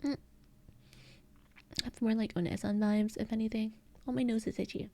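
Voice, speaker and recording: A young woman streamer chatting casually on a close mic, soft-spoken and giggly, rambling with lots of fillers. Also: on the high side, steady tone, moderate pace, creaky. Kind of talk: casual ASMR stream chat.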